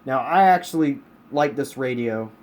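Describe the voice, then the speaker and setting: Speaking at normal speed with an animated, medium-pitched voice, an American radio collector gives a casual tour of his collection. He improvises and keeps repeating himself to drive points home. The clip was shot on a handheld camera he holds, in a home room with clear background noise.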